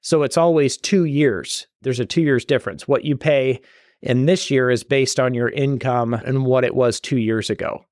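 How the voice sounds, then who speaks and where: A man's voice: mid-range voice, steady tone, moderate pace, a little mellow, dry recording, studio quality. A man hosting a podcast, explaining retirement benefits in a conversational way, often restarting and adding asides. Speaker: podcast host and retirement planner. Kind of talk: solo podcast explaining listener questions.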